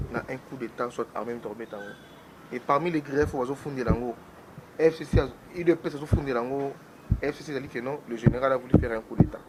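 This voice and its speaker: On a talk show, a male guest with a medium-pitched voice offers animated political commentary, switching between French and Lingala. The recording is very noisy.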